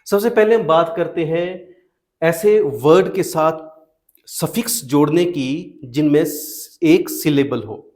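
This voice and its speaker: Slow, patient male teacher. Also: a little high, a little mellow. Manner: slow, patient, asks questions then answers them. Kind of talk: explaining spelling rules to students.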